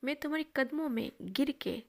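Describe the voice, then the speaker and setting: A woman voicing a stern, quick-tempered young man, speaking his lines in a half whisper. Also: high voice, lively intonation, gravelly. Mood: irritated.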